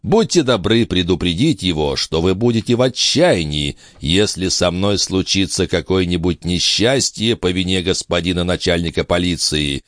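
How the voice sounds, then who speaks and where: A man voicing a cool, scheming count in an audiobook, smooth, measured and sly. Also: sits low, lively intonation, a bit bright, dry recording, clean studio sound. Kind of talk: audiobook character voice.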